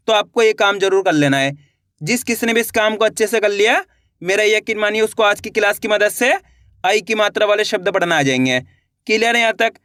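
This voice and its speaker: A man with a high, light voice guides viewers through a Hindi reading lesson. He pronounces each letter and syllable slowly and carefully, then joins them into words, cheering his listeners on as friends. The sound is dry and close, with no room around it. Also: fairly bright tone, dry recording. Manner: drawn-out, careful letter-by-letter pronunciation; addresses viewers as friends, encouraging.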